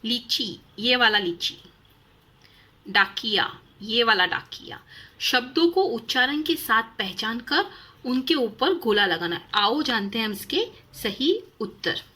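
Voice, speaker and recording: A woman with a fairly high, sing-song voice teaches Hindi to young primary school children, speaking slowly with a bright, forceful, slightly rough tone. She stretches out every word, enunciates clearly, and asks simple questions along the way.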